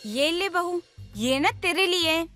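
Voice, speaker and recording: A woman voicing a fussy middle-aged aunt in an animated story, coaxing and flustered. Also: very high-pitched, a little slow, faint music behind, heavily acted. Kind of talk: animated cartoon voice acting.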